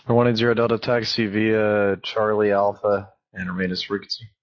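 A man speaks as an air traffic controller in clipped radio phraseology. His voice is low and very even. The transmission is dull and band-limited. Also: brisk. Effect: aviation radio transmission.

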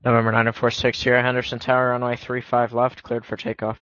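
Flat-toned male air traffic controller, dull audio. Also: mid-range voice, quick pace, no room sound. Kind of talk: clipped radio phraseology, issuing clearances.

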